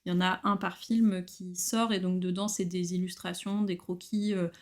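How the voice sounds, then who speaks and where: A woman showing her new books in a casual vlog, chatty and relaxed, with frequent hesitations. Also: lowish voice, moderate pace. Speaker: book collector vlogger. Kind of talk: casual book haul chat.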